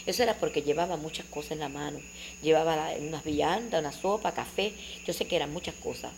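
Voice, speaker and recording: An older woman, telling childhood memories in an interview. She tells them in a lively, animated way. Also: low voice, quick pace, creaky, slight background noise. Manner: animated, vivid storyteller who acts out family dialogue.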